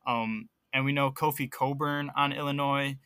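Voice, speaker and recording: A young man co-hosting a podcast, talking college basketball in a relaxed way with lots of ums. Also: medium pitch, moderate pace, clear, resonant tone, no echo. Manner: relaxed, filler-heavy talk. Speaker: podcast co-host. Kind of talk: casual sports chat.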